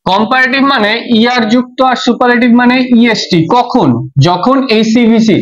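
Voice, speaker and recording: Bangladeshi guy teaching grammar, spells out words, keeps asking got it?, kinda dull lo-fi sound. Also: extremely high pitch. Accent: Bangladeshi Bengali. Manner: asks the class quick check questions. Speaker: English teacher. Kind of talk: classroom lecture. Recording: dull lo-fi audio.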